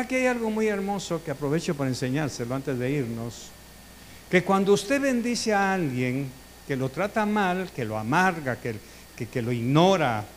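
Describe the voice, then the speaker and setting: A man preaches as pastor in a church, his fairly high voice rising into emphatic questions for the congregation. The recording carries a long church reverb. A faint hum sits underneath. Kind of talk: sermon. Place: church sanctuary.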